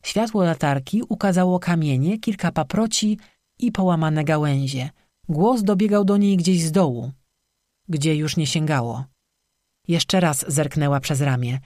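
Steady, measured audiobook narrator, mid pitch, dry booth sound. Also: dry recording.

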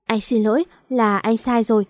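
A woman's voice: a little high, fairly even intonation, normal speed, darkish tone, no room sound, studio quality, lightly acted. A woman voicing a young male company director who is possessive and then remorseful, in a storybook reading. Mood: pleading. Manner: pleading, insistent.

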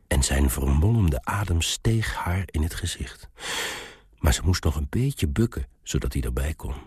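A man with an extremely low, breathy voice reads a fairy tale aloud in a hushed, whispery way. The sound is dry and close, with no room around it. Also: dry recording. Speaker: storyteller. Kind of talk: scripted narration of a children's tale. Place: radio studio.

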